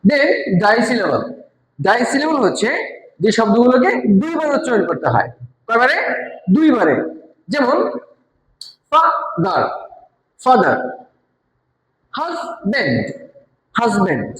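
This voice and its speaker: Bangladeshi woman teacher, lively classroom lesson voice, echoey room. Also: a little high. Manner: says syllable examples slowly and repeats them. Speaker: English grammar teacher. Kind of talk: classroom-style lesson explanation.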